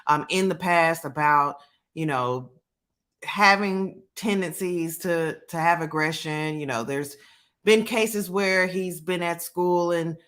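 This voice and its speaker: A woman in her thirties talking casually as the host of a commentary channel, with many pauses and fillers. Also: sits low, a bit bright.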